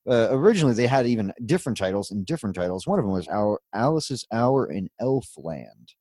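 A man's voice: lowish voice, very animated, fairly quick, mellow, no room sound, studio quality. A man hosting a live show in casual chat, rambling along with easygoing asides. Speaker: host.

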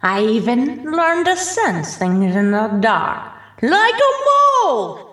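A woman's voice: fairly high pitch, very animated, slow pace, a bit bright, exaggerated voice. A woman playing a megalomaniac underground supervillain in a hammy amateur radio play, grandiose, gloating and theatrical. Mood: boastful. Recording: roomy echo, distant from mic.

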